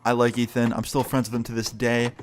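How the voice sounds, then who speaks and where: A man's voice: medium pitch, monotone, fairly quick, slight background noise. Young guy telling a storytime, chatty, swears a lot, does both sides of the convo. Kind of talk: casual storytime narration.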